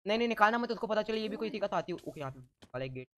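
A man giving excited let's-play commentary as a gaming YouTuber, teasing and ordering his teammates around. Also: high voice, rapid-fire.

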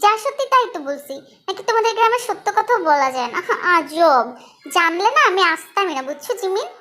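A woman's voice: extremely high pitch, expressive, brisk, pushed and bright, heavily acted. A woman voicing an arrogant, complaining rich young husband with a sneering, boastful manner.

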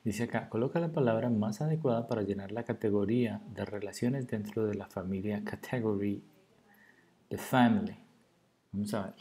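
Low, dark-voiced man teaching English basics. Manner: explains in Spanish, models English words slowly. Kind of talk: recorded grammar lesson.

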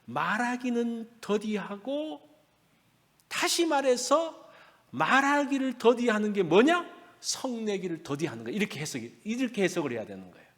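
A lively male pastor with a high voice preaches a sermon in a church sanctuary at a moderate pace. His style is conversational, asking the congregation questions, and the long reverb of the hall surrounds him.

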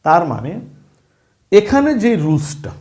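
In an online spelling and pronunciation lesson, a Bengali language teacher repeats each sound and rule and asks the listener questions to check they follow. His high voice swoops wildly in pitch, with a measured pace and a mellow quality.

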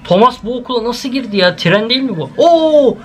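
A man's voice: very high voice, fast talker, slight background noise. A young man with a Turkish accent hosting a casual horror reaction vlog at home, talking straight to his viewers and crying out at every scare. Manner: excitable, jumpy, exclaiming at scares; addresses viewers directly. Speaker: YouTuber host. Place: at home, indoors. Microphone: camera set up in the room.

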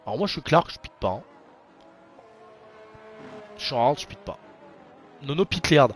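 A young man giving casual, excitable live commentary on an online racing league, chatting to his viewers in a slangy, informal way. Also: mid-range voice, normal speed, faint music behind. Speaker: race commentator and streamer.

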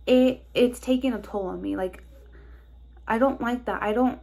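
Young woman vlogging on her phone, all stuffed up and nasal, kinda breathy, nervous and rambly. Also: a little high, normal speed, a little mellow. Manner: anxious, rambling with many "like"s. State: stuffed-up nose. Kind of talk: casual personal vlog. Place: car and hospital hallways, on the move.

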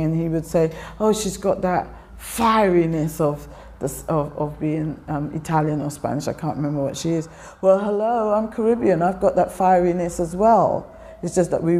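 An older woman from Guyana with a Guyanese accent, reflecting in a documentary interview, pausing and restarting often. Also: low voice, dark tone. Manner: reflective, many pauses and restarts.

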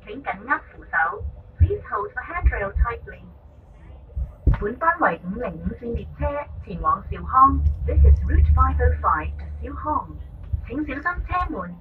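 A woman giving a recorded onboard train loudspeaker announcement in a measured, formal way. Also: on the high side, big pitch swings. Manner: measured, evenly paced, formal. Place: inside a light rail train. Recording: distant echoey lo-fi loudspeaker in a noisy train car. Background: train running noise.

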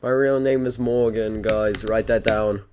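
A man on voice chat with a streamer, needling her in a dry, deadpan way. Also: fairly low pitch, a little slow. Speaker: friend on voice chat. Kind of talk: casual gaming chat. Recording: noisy voice chat line.

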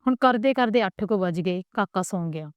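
Clear-voiced Punjabi woman storyteller. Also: mid-range voice, a little fast, no room sound, studio quality. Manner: steady, plain narration. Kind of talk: storybook reading.

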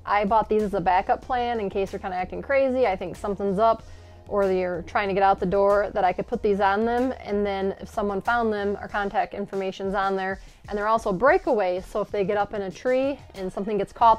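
A woman's voice: mid-range voice, brisk, faint music behind. Chatty woman explaining tips inside an RV. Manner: chatty and animated, gesturing while explaining. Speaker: RV lifestyle vlogger. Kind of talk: casual instructional vlog. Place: inside an RV, seated at a table by a window.

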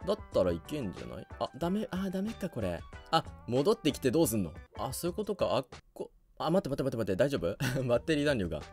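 A man giving let's play commentary on a video game, reacting loudly and laughing often. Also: mid-range voice, big pitch swings, fast, hardly any pauses, soft background music. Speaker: gaming YouTuber.

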